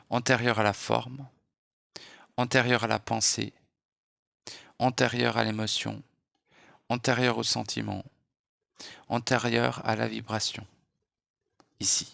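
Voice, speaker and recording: Gravelly, hushed man. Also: medium pitch, dry recording, clean studio sound. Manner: hushed, unhurried, lecturing with rhetorical questions. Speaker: spiritual speaker. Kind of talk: late-night spiritual monologue.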